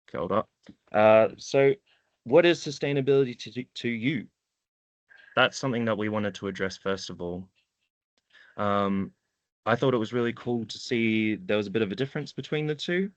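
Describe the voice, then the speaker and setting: An environmental data worker from the central North Island of New Zealand presents an informal slide webinar with a laid-back, slangy way of talking and a New Zealand accent. His voice is fairly low in pitch, with no echo.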